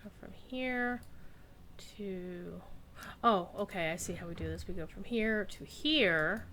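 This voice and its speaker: A woman's voice: medium pitch, slow, fairly bright tone, slight background noise. A woman giving casual gameplay commentary, chatty and playful, thinking aloud as she goes. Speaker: gamer, streamer.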